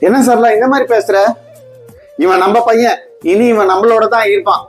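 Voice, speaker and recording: A man's voice: sits high, fairly even intonation, moderate pace, faint music behind. A man playing a son and husband in a family comedy skit, teasing and pleading by turns.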